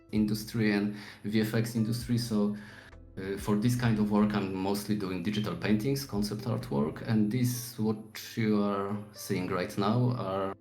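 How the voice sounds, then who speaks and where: A Polish-accented man in his forties talks in a relaxed, easygoing way, often pausing to search for words. His voice sits very low. The sound is roomy, with a noticeable echo. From Poland. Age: 40s. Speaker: guest artist. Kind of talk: casual podcast interview.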